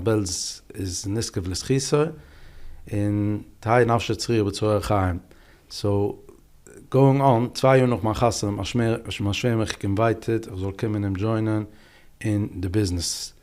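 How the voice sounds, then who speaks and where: A man in his 40s from England appears as a podcast guest and business leader, telling stories in a relaxed interview. His voice is low and steady, and he's calm and unhurried, mixing languages freely.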